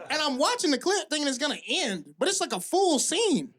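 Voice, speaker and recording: A man from the American South performing live stand-up comedy on a club stage, loose and profane, rising to shouts on punchlines. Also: very high-pitched, sing-song, fairly quick.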